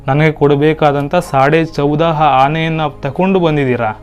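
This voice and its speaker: A man's voice: fairly high pitch, steady tone, measured pace, faint music behind. Male Hindi teacher explaining. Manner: reads Hindi lines, then explains them in Kannada. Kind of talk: lesson explaining a Hindi play in Kannada.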